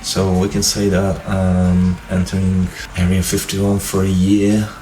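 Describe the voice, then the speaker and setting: A man in his fifties, originally from Hungary, hosting his own vlog and telling his life story in a relaxed, rambling way. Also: sits low, measured pace, slight background noise. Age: 50s. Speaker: YouTube channel host. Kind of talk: casual personal vlog talk. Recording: echoey room with music behind.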